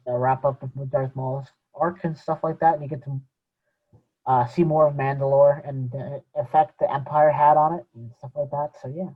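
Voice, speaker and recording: A man co-hosting a casual podcast, chatting loosely about a show with fillers and trailing off quietly. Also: medium pitch, normal speed, narrow, tinny audio. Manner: relaxed fan talk with fillers, trailing off quietly. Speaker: podcast co-host. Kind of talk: casual chat.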